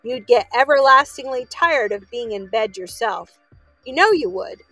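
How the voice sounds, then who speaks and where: Woman reading a jolly talking pumpkin, coaxing, winning tone, storybook, soft music behind. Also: fairly high pitch, lively intonation, normal speed, no room sound, exaggerated voice, rough recording. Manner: persuasive, winning tone.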